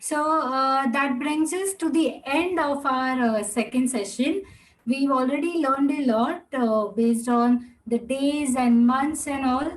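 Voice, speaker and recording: A woman's voice: sits high, slow pace, poor audio. A woman teaching an online Mandarin class, encouraging the students and explaining pronunciation. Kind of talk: online class quiz and wrap-up.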